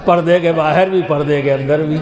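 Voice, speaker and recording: A man's voice: on the high side, fairly even intonation. A man preaching a sermon to a large gathering, asking questions and pushing the audience to answer aloud. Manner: rhetorical, coaxes the crowd to answer aloud. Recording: echoey venue with loud crowd.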